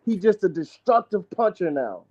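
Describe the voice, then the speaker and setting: A man's voice: sits high, big pitch swings, moderate pace, over a noisy crowd. A man in a heated casual debate, pressing his point and repeatedly saying "look" and "bro". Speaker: podcast debater. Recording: dull lo-fi line with faint noise.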